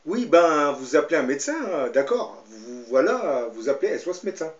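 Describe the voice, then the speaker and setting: A man's voice: on the high side, sing-song, brisk. A man reading aloud the lines of a brusque, impatient female emergency operator. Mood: curt. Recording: roomy, slightly dull sound.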